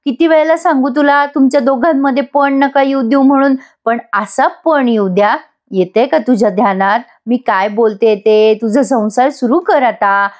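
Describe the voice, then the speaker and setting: A woman's voice: a little high, normal speed, natural voice. A woman voicing a fussing mother who dotes on her son-in-law and scolds her daughter. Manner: scolding, nagging, rustic turns of phrase.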